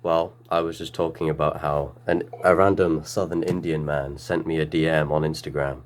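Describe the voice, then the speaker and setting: A man's voice: rumbling low, steady tone, moderate pace. A young man co-hosting a casual podcast, telling stories in a laid-back way. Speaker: podcast co-host. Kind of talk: casual chat.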